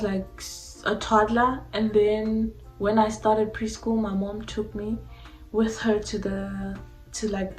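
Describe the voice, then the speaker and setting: A young South African woman with a mid-range voice, whose first language is a blend of Xhosa and Zulu, chats informally with viewers in a Q&A vlog. As a YouTuber answering personal questions, she says "like" constantly. The room is echoey, with faint music playing.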